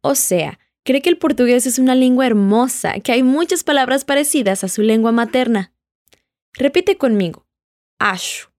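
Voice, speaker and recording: A woman's voice: a little high, expressive, moderate pace, darkish tone, no echo, clean studio sound. Patient woman teaching Portuguese. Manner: patient, prompts the listener to repeat and answer. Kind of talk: audio language lesson.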